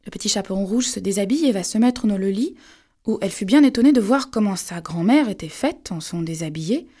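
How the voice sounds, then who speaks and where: A woman reads a classic fairy tale aloud in a measured, expressive way. Her voice sits in a comfortable middle range. She tells it steadily, like a bedtime reading. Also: mid-range voice. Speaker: storyteller.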